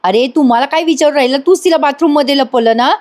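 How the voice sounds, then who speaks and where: A woman's voice: high voice, fast, darkish tone, pitched above the performer's own voice, lightly acted. A woman voicing an impatient, exasperated young man who presses his friends for answers. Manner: irritated, pressing.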